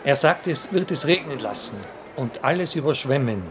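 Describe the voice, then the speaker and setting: A man's voice: mid-range voice, lively intonation, normal speed, over music, crowd noise, lightly acted. A man playing a scornful, jeering townsman in a children's audio story. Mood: mocking. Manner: sneering, laughing.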